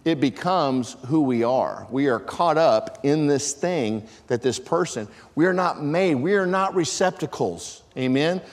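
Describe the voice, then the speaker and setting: A man preaching a sermon, his voice sitting a little high. He drives his points home with emphasis and sometimes breaks into shouts. His words ring out with a long reverb from a large church hall. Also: expressive, a little slow, hardly any pauses. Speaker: pastor.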